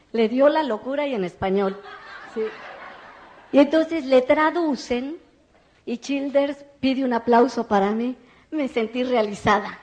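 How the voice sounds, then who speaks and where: A woman giving a lively motivational testimony, acting out the voices of the people she quotes. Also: sits high. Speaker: network marketing speaker.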